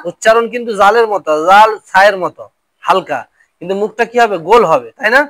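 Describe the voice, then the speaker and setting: A man's voice: high-pitched, expressive, fast talker, a bit bright, dry recording. A male Quran reading teacher drilling Arabic letter sounds and quizzing pupils in a classroom lesson.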